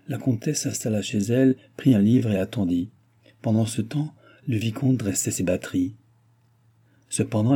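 Low, husky male narrator. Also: dark tone. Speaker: audiobook narrator. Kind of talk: scripted narration.

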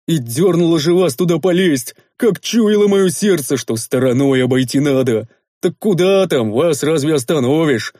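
A hulking, grumbling warrior, as a male audiobook reader plays him. He complains plaintively to his master in a raised, loud voice that stays mellow. The sound is dry and close. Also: fairly high pitch, no echo, pitched above the performer's own voice. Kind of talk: audiobook character voice.

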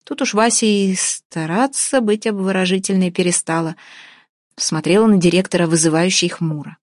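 Low-voiced woman reading an audiobook. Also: fairly even intonation, normal speed, no echo, studio quality. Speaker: audiobook narrator. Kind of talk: scripted narration.

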